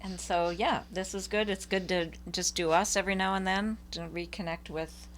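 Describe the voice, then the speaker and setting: A woman co-hosting a podcast in casual chat, playful and quick to laugh. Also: fairly low pitch, steady tone, a little hiss or hum. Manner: giggly, playful. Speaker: podcast co-host.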